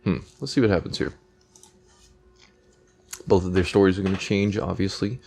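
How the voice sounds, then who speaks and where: Low-pitched male gamer, reads game text aloud, chats between lines. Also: normal speed, creaky, darkish tone. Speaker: let's play gamer. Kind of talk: game playthrough commentary, reading text aloud.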